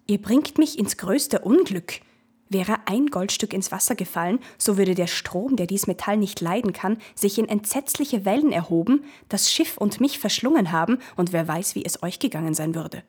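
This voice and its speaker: A woman's voice: medium pitch, animated, normal speed, darkish tone, breathy edge. A woman voicing a tired, patient old ferryman in a fairy tale, speaking in an earnest, pleading way. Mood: alarmed. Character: weary old male ferryman, patient but stern.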